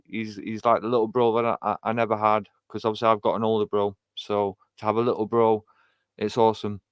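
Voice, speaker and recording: A man's voice: on the low side, level tone, brisk, smooth, no room sound. A British man co-hosting a music chart show, talking casually with lots of "you know" fillers and eager praise. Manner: warmly praising and enthusiastic. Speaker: radio show co-host. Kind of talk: casual chat.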